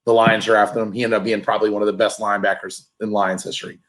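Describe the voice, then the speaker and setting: Lower-voiced man from Maryland. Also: level tone, quick pace, fairly bright tone, poor audio. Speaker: podcast guest. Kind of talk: casual chat.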